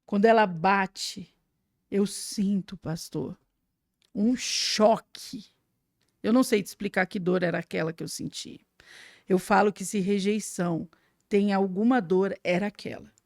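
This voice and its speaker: A woman with a Brazilian Portuguese accent tells an emotional personal testimony as a guest, her voice at a middle pitch. She paints scenes vividly, dropping to a hush and then rising loud again. The sound is dry and close, with little room around it. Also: unhurried, no echo. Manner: vivid storytelling, swinging between hushed and loud.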